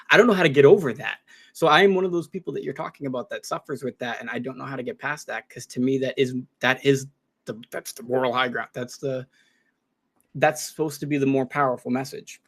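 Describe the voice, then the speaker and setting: A man's voice: mid-range voice, fairly quick, a bit bright. A man in casual podcast talk, earnest and searching, often restarting his sentences. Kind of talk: casual discussion.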